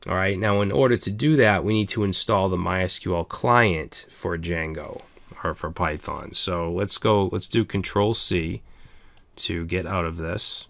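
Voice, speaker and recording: Man, very low voice, slightly hoarse, casual coding tutorial, step-by-step explaining. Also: a little slow, a bit bright, no room sound. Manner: casual step-by-step explaining with frequent "okay" and "all right". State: slightly hoarse, losing his voice. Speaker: programming instructor.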